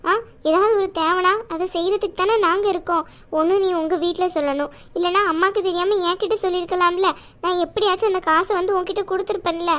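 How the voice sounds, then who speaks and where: A woman's voice: extremely high pitch, fairly even intonation, fast talker, fairly bright tone. A woman voicing a middle-aged aunt in a cartoon, firm and bossy but affectionate. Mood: firm caring. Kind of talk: cartoon voice acting.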